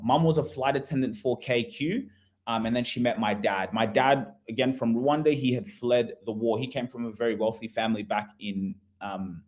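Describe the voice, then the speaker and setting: This man, a property investment advisor from Australia, runs an informal live webinar in a medium-pitched, somewhat mellow voice. He talks conversationally, repeats himself, and regularly poses rhetorical questions to the audience.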